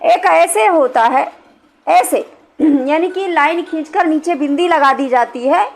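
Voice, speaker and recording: A woman with a high, light voice teaches a grammar lesson. She talks patiently, repeats her points and keeps checking that her listeners follow. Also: slow pace, creaky. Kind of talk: explaining a Hindi grammar lesson.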